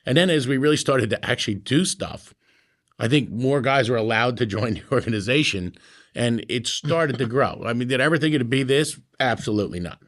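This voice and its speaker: A middle-aged man who was a founding member of the club tells wry stories in a casual group chat, with frequent fillers. His mid-range voice is animated, fairly quick and a bit bright.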